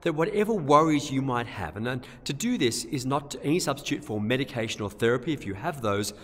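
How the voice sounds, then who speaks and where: A man, a priest giving a gentle, conversational homily in a church, often repeating himself. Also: mid-range voice, slight background noise. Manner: gentle, conversational, with frequent repetitions. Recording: long church reverb.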